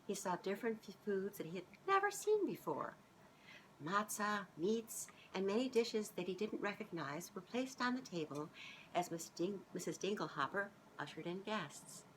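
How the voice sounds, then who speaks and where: At normal speed and in a mid-range voice, a fifty-something woman reads a storybook to young kids from her living room couch, animated and informal, frequently stopping to comment. Captured by a nearby camera, the sound is poor, with faint hiss or hum.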